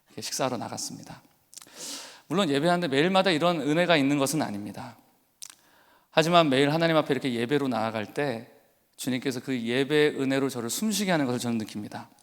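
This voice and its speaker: A man preaching a sermon as pastor, telling an emotional personal testimony and rising into fervent exhortation. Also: mid-range voice. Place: church sanctuary. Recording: long church hall reverb.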